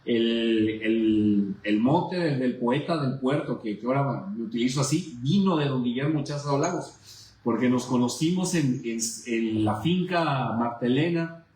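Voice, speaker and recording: A man's voice: mid-range voice, lively intonation, measured pace, a little mellow, echoey room, a little hiss or hum, poor audio. A man, a poet being interviewed, reminiscing and often repeating words as he searches for them, then reciting a poem. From Veracruz, Mexico. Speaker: poet and guest. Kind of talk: conversational interview, poetry recital.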